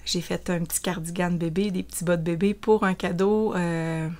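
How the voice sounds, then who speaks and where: A woman's voice: on the low side, fairly even intonation, normal speed, a little mellow. A woman with a Quebec French accent, casually chatting through a knitting vlog with frequent fillers. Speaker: knitting vlogger. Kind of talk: casual show-and-tell chat.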